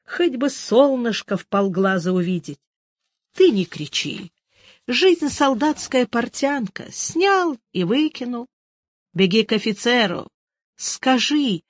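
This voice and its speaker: A reader voicing a proud old army veteran on his deathbed, barking drawn-out commands. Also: medium pitch, lively intonation, no echo, voice pushed up. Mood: dying, solemn. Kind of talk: audiobook reading.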